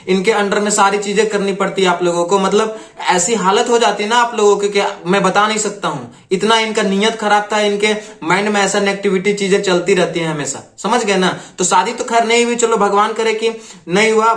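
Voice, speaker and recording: A man's voice: sits high, fairly bright tone, roomy sound. A man hosting a reaction video, commenting on clips in an earnest, repetitive, lecturing way.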